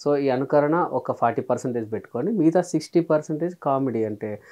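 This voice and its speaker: A man talks fast as an interview guest. His voice is dark and mellow, and he acts out the lines he quotes as he tells his stories. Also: mid-range voice. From Telangana, India. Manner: lively storyteller, quick, acts out quoted lines. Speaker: comedian and mimicry artist, interview guest. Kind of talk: casual interview chat.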